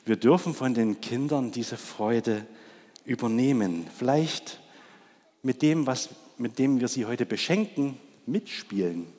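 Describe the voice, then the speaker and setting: A man in his thirties gives a Christmas sermon, speaking slowly and asking the congregation questions. His voice is husky, and it rings through a large church with long reverb. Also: mid-range voice, lively intonation, darkish tone. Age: 30s. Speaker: preacher.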